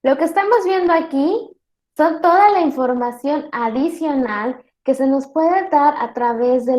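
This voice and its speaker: High-voiced woman teaching, roomy echo. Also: darkish tone, highs cut off. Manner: explains slowly with many spoken examples; checks in with the class. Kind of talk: virtual class lecture.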